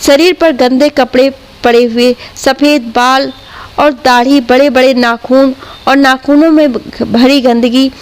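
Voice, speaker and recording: A woman narrating an emotional family story in a steady, dramatic storytelling manner. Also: high voice, unhurried.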